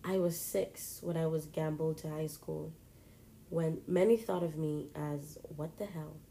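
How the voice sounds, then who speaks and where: A woman reads a first-person story aloud in a plain, steady way. Her voice is low and mellow, with faint noise in the background. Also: measured pace, gravelly, rough recording.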